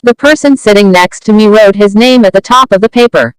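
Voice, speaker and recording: A man's voice: high voice, fairly quick, clean tone, no room sound, rough recording. A man dictating practice sentences, reading them aloud for an English test.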